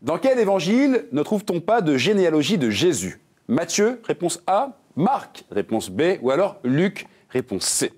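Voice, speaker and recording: A man's voice: a little high, sing-song, a little mellow, husky. A man hosting a religious quiz game show, reading questions and answer options with playful puns. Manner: playful, jokey, reads options briskly.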